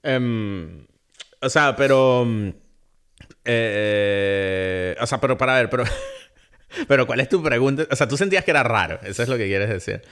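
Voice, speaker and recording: A man's voice: medium pitch, measured pace, a bit bright, clean tone. A man co-hosting a casual film podcast, retelling scenes expressively with quoted lines. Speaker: podcast co-host.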